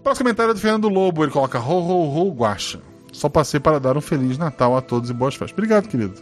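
A man's voice: a little high, lively intonation, racing, soft background music. A man with a Brazilian Portuguese accent hosting a podcast, casually joking and swearing while reading listener comments. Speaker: podcast host.

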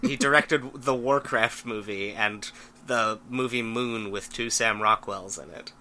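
A man co-hosting a podcast in casual banter, with vocal fry and a dry, mock-serious joking manner. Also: medium pitch, a little slow, bright, forceful tone, rough recording. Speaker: podcast co-host.

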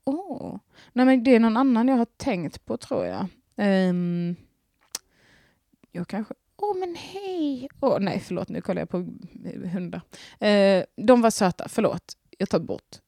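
A woman's voice: mid-range voice, expressive, vocal fry, dark tone, no room sound, studio quality. A young woman, chatting casually as a podcast host, rambling and gushing with lots of fillers and restarts. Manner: giggly, gushing.

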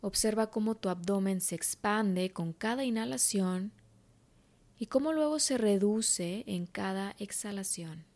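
A woman leading a guided meditation, counting breaths slowly and gently with unhurried pauses. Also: medium pitch. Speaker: meditation instructor.

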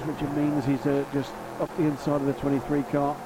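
Guy doing motorsport commentary, slightly higher voice, engines droning behind him. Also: completely flat delivery, brisk. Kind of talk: live motor race commentary. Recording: clear engine noise behind.

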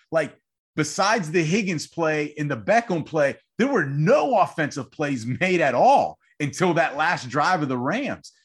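A man's voice: fairly high pitch, a bit bright, breathy edge. A man co-hosting a sports podcast, debating in a fired-up, rambling way and repeating himself as he talks. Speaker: podcast co-host.

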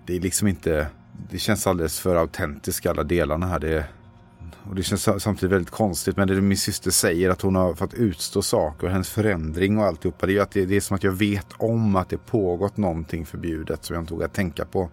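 A man's voice: low-pitched, steady tone, a little mellow. A man playing a tabletop role-playing game, describing his character's actions in a hesitant, stammering way while thinking aloud. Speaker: player. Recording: faint music behind.

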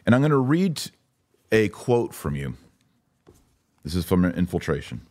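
Speaking at a measured pace, the man's low, slightly mellow voice swings widely in pitch as he delivers religious commentary on his podcast to a live online audience. He is emphatic, firing off rhetorical questions and playing out imagined objections. The audio is clean studio sound without echo.

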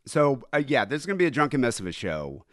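Nasal, lively-voiced man hosting a podcast. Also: medium pitch, fast, no room sound, studio quality. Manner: profane, rambling, animated. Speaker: podcast host. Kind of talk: casual podcast chat.

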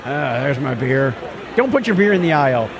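A podcast co-host with a mid-range male voice chats casually and jokingly about tech news, chuckling often. His pitch swings widely, his pace is normal, and the background is noisy.

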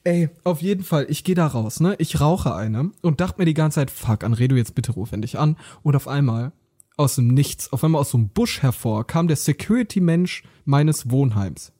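A young man co-hosting a comedy podcast, telling a story in casual chat and acting out the dialogue, with a husky voice. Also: fairly high pitch, expressive, normal speed, warm tone. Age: young adult. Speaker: podcast co-host.

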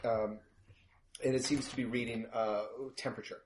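A man narrating as game master of a tabletop game, casual and halting, often breaking into laughter. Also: mid-range voice, flat delivery, slight background noise, poor audio.

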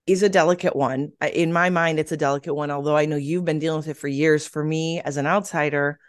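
A woman hosting a podcast, chatting eagerly and casually with a guest, with many fillers. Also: deep voice. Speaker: podcast host. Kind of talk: casual interview chat.

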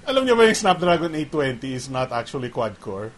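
Husky, laughing man in casual chat. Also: medium pitch, sing-song, brisk. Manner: laughs often, mixes English into Tagalog, reads viewer comments. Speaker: podcast host.

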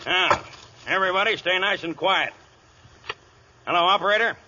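A blustering crooked police chief. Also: male voice, sits high, moderate pace, bright, forceful tone, slight background noise. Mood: gruff. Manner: blustering, barking orders. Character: crooked middle-aged male police chief, gruff and scheming. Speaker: actor in a radio play. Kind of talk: 1930s radio drama acting. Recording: dull, echoey old radio broadcast.

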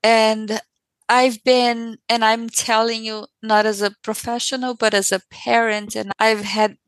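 A woman's voice: on the high side, little pitch movement, measured pace, no room sound, poor audio. Woman parent in an interview, earnest, repeats phrases for emphasis, dry close sound. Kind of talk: conversational interview.

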